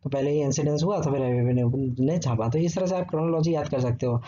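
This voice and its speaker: Mellow-voiced man teaching a history lesson. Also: medium pitch, brisk. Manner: explanatory, repeats "ठीक है" often. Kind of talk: exam-prep history lesson. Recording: dull lo-fi sound with faint background noise.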